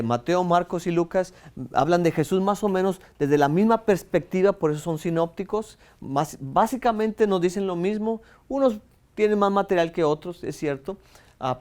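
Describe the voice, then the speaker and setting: A man teaching a lesson on the Bible, explaining step by step, asking his listeners quick questions and often repeating words as he talks. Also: a little high, a little mellow. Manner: asks the audience rhetorical questions.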